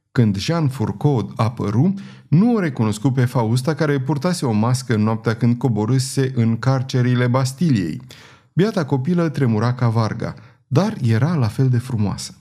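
A man narrating a novel as an audiobook in a steady, even storytelling manner. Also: mid-range voice. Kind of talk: scripted narration.

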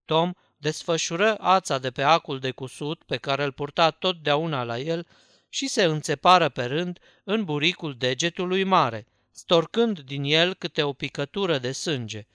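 Man reading an audiobook, clear bright tone, slightly high, dry close sound. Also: no room sound. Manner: measured storytelling delivery. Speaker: narrator. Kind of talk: scripted audiobook narration.

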